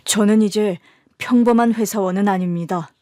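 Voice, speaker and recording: Calm powerful businessman father, read by a woman, measured radio-drama delivery, dry. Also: medium pitch, no echo, close to an everyday voice. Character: powerful middle-aged man, calm company boss.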